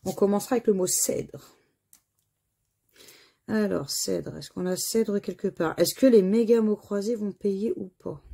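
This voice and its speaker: A woman's voice: medium pitch, a little slow, gravelly, warm tone, breathy edge. A woman with a French accent chatting to viewers while she scratches crossword lottery tickets and reads out letters and words.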